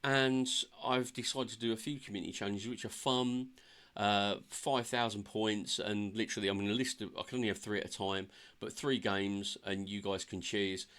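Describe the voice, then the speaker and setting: A man with a low voice opens his game stream in a relaxed, chatty way. He talks upbeat but sounds a bit tired, and his talk is full of ums and restarts. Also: moderate pace, few pauses, clear, resonant tone. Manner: chatty and upbeat, with many fillers. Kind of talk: casual live-stream chat.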